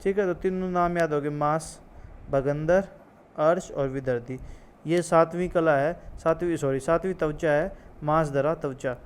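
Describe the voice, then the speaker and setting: Male tutor, slightly high and clear voice, steady drilling lecture style. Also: unhurried. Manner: repeats key terms and drills mnemonics, asks and answers himself. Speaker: ayurveda exam tutor. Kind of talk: classroom-style lecture with memory tricks.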